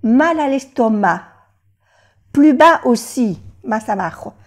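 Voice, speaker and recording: An older woman teaching French phrases in a lesson, patiently repeating each phrase slowly. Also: on the high side, expressive. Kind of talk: language lesson.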